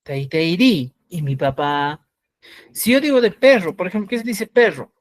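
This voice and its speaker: A woman's voice: fairly low pitch, lively intonation, normal speed, dry recording. A woman teaching a live online language class, explaining step by step, checking in often and stretching out key words for emphasis.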